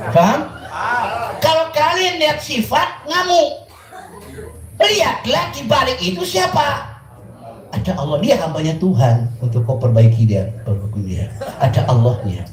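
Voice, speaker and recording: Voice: mid-range voice, animated, unhurried, faint music behind. A preacher with a Surabaya Javanese accent gives a jokey, teasing sermon, often quizzing the congregation. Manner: jokey, teasing, questions the audience. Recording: echoey, distant mic, crowd noise.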